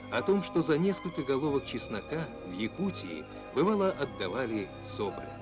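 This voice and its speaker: A man reading scripted documentary narration in an old newsreel manner, measured and solemn, on a 1980s Soviet film soundtrack. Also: mid-range voice. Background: music.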